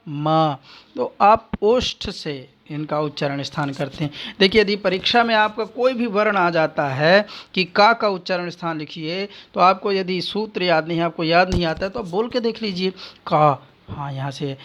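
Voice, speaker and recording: A man's voice: a little high, fairly bright tone, lo-fi sound. A man teaching a Sanskrit phonetics lesson, drawing out each sound as he demonstrates it and reciting grammar rules.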